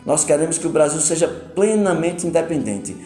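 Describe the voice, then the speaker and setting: A man with a Pernambuco Brazilian accent speaks as a union leader in a deliberate, emphatic way. His voice sits a little high and sounds mellow. The room around him rings with echo. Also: big pitch swings, soft background music. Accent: Pernambuco Brazilian Portuguese. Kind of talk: recorded interview statement.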